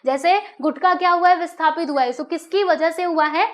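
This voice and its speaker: A woman with a high, light voice teaches a science lesson to schoolchildren. She keeps putting questions to the class and answering them herself, and she checks in often to make sure they follow. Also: brisk. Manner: addresses listeners as dear children.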